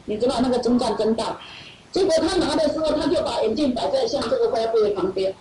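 Animated woman telling her testimony. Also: fairly high pitch, quick pace, a loud crowd. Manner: animated, laughing often, acts out others' voices. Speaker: church member giving testimony. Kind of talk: personal testimony storytelling. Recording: echoey hall, far from mic, loud audience.

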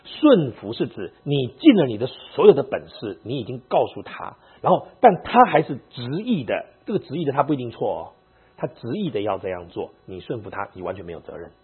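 Husky, lively male church elder preaching. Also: medium pitch, brisk. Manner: animated storytelling, mixing in English words. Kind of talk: sermon. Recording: muffled lo-fi recording with mains hum.

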